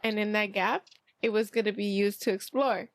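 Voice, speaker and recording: A young woman co-hosting a podcast, telling stories in casual, animated, slangy talk with swearing. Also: medium pitch, moderate pace. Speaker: podcast co-host. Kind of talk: casual storytelling chat.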